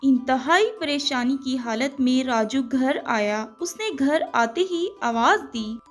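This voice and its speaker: A high-voiced woman slowly narrates a children's moral tale in a scripted storybook style, with music playing behind her.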